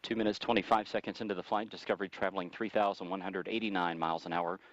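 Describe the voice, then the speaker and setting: Deep-voiced American man, brisk mission control commentary. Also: steady tone, a bit bright, dull audio. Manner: formal, factual reporting. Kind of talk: live mission control radio flight commentary.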